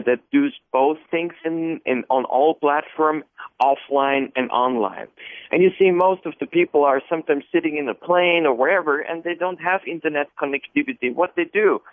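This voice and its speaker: A man's voice: on the high side, no echo. A man from Austria with an Austrian accent, a radio interview guest giving long, enthusiastic answers full of fillers and restarts over a phone line.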